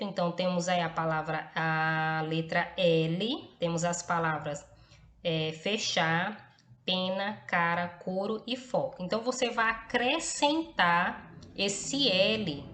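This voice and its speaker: A woman teaching a class, patient and slow, checking in after nearly every phrase and spelling words out letter by letter. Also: fairly low pitch, a bit bright. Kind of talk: recorded class lesson. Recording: echoey room, faint background hiss.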